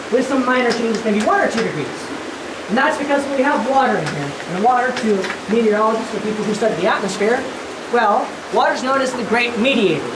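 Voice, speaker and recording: A woman's voice: fairly high pitch, distant mic. A woman working as a cave tour guide, talking informally and jokingly to her group, her voice echoing in the cave. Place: inside a cave. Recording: echoey cave, off-mic, clearly noisy.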